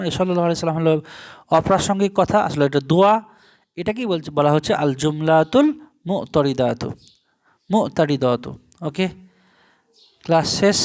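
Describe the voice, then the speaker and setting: High-voiced man teaching Arabic grammar. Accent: Bangladeshi Bengali. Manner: explains step by step, slowly spelling out Arabic terms. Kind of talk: online grammar lesson.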